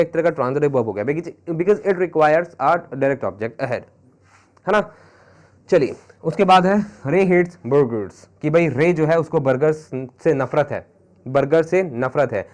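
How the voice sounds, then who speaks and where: A man's voice: a little high, darkish tone. A man with an Indian English accent teaching an exam-prep grammar lesson, switching between Hindi and English and asking the class questions. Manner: mixes Hindi and English, repeats questions to students.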